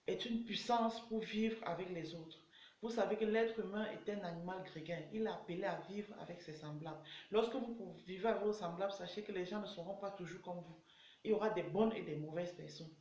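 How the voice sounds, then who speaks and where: A woman's voice: on the low side, a little mellow, a little hiss or hum. A woman personal development coach giving an earnest motivational talk, repeating her exhortations. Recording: echoey room, dull lo-fi sound.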